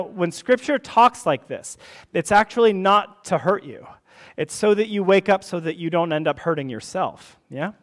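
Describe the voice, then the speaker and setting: A man preaching a sermon to his congregation, his voice sitting a little higher than most men's. He talks conversationally, tossing in quick questions to the listeners. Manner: conversational, checks in with tag questions. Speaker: rector preaching. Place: church service.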